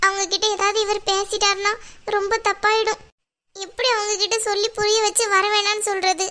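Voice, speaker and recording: A woman's voice: extremely high pitch, flat delivery, brisk, pushed and bright. A woman voicing an anxious, pleading young wife in a cartoon. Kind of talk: cartoon voice acting.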